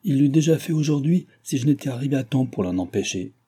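A man reading an audiobook, voicing a calm, kindly young curate who speaks gently and half-playfully. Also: mid-range voice, fast, husky, voice pushed up. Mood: gentle.

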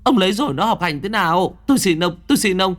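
A man's voice: big pitch swings, brisk, darkish tone. A man voicing a poor, beaten middle-aged mother who pleads tearfully in a raised, strained voice. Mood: pleading. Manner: tearful, begging, high strained pitch.

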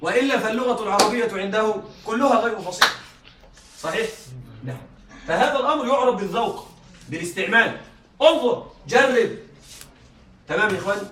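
A man's voice: sits high, expressive, fast, long pauses, sharp tone, a little hiss or hum. A male teacher giving a classroom lecture, often checking that his students are following. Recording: echoey room, mic far off.

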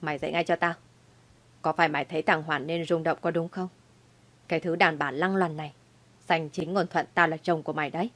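A woman's voice: low voice, steady tone, fairly quick. A woman voicing a scheming, drunken young husband who talks in a coarse, abusive way. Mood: drunk angry.

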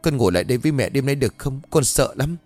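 A man's voice: mid-range voice, expressive, racing, a little mellow, faint music behind, pitched above the performer's own voice, natural voice. Man voicing a stammering tearful young daughter. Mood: pleading, tearful. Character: frightened young woman, spoiled pleading daughter.

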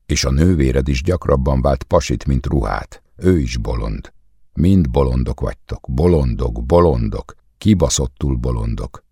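A man with a very deep, husky voice voicing a jealous young man who accuses and rants angrily in an audiobook. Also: animated, warm tone, no room sound, studio quality, heavily acted. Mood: drunk raging. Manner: angry, accusing, raised voice.

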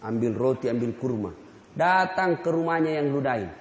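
A man preaching a lively sermon, firing rhetorical questions at the audience and joking. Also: mid-range voice, moderate pace, highs cut off. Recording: echoey hall reverb.

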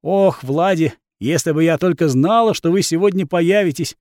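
A man reading the lines of a smooth, flirtatious middle-aged brothel madam, polite but firm. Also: a little high, moderate pace, a little mellow, no room sound, close to an everyday voice. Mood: coaxing. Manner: coaxing, polite, firm when needed.

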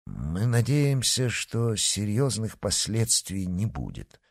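A man voicing a sober, cautious physician who speaks in a measured way. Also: lowish voice, wildly swooping pitch, gravelly, no room sound, clean studio sound, full character voice.

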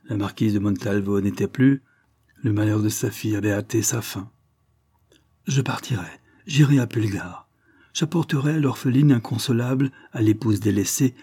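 Low husky guy doing a solemn literary reading, dark warm tone. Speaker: reader.

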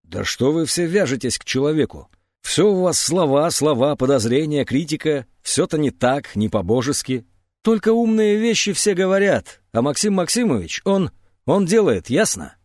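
A man's voice: medium pitch, big pitch swings, moderate pace, a little mellow, no room sound, clean studio sound, natural voice. A man reading an audiobook, voicing a stubborn, hot-tempered teenage boy who talks in a heated, defiant way.

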